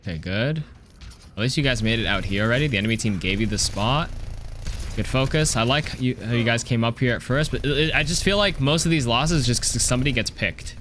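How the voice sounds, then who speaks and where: A man's voice: medium pitch, lively intonation, brisk, fairly bright tone, slight background noise. A man reviewing gameplay as a coach, talking casually in a blunt, analytical and sometimes sweary way. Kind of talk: casual live game review commentary.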